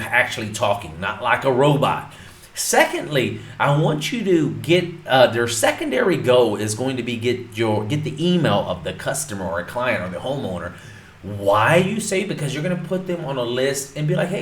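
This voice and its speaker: A man's voice: medium pitch, slight background noise. A man coaching viewers in a casual instructional video, talking emphatically and repeating his points straight at the audience. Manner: emphatic, repetitive, addresses viewers directly. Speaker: real estate coach. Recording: roomy echo.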